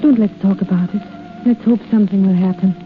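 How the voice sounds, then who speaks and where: An actress playing a playful, alluring countess who is a swindler in love, in 1930s radio acting style. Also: female voice, medium pitch, fairly even intonation, fast talker, lightly acted. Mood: wistful. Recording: tinny 1930s radio recording, music behind.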